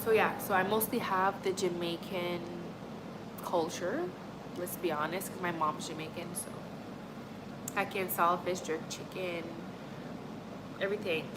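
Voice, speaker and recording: This young woman from Montreal, Canada, is a livestream host making casual conversation with her chat. She speaks at a measured pace with a fairly low, fairly even voice and pauses often. Her rambling, friendly style leans on "like" and "honestly," over heavy background noise.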